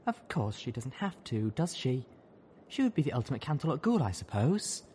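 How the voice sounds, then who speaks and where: A man voicing a gentle, refined mare. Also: medium pitch, very animated, normal speed, slight background noise, voice pushed up, lightly acted. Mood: musing.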